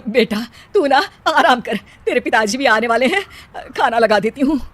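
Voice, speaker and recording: Woman acting a high-voiced, fretting cartoon mother. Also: expressive, moderate pace, fairly bright tone. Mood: concerned. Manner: earnest, motherly advising. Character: concerned middle-aged mother, gently chiding.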